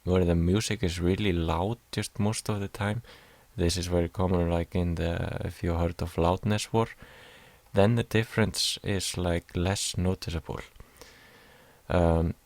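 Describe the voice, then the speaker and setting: A man's voice: deep voice, little pitch movement, measured pace, creaky, a little mellow, no room sound. A young man from Iceland, hesitantly explaining a class assignment over slides, with many fillers. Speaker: music production student.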